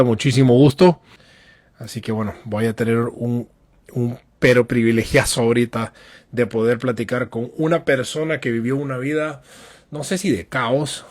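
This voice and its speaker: A man hosting a live online interview, upbeat and chatty with hearty slang, on a studio microphone. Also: mid-range voice. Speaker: host. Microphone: new studio microphone.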